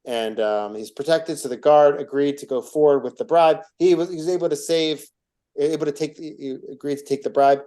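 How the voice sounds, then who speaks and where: A man's voice: on the high side, brisk, warm tone. Man retelling a story in class, meandering. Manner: rambling, with many restarts and asides. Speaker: teacher of a class on rabbinic stories.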